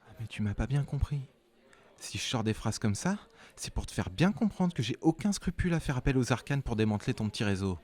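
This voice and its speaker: In an acted drama scene, a man plays a strong, weary military captain of noble authority who leans on an informant with blunt, colloquial threats. His medium-pitched, darkish voice moves briskly with big pitch swings, firm and menacing.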